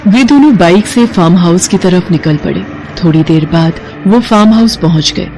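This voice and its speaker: A woman narrating a scripted cartoon horror story with steady, dramatic storytelling. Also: lowish voice, normal speed.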